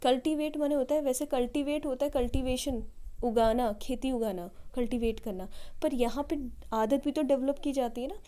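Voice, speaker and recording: Indian woman teaching slow English phrases. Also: sits high, mellow. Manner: slow, deliberate English example sentences between quick explanations. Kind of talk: bilingual language lesson.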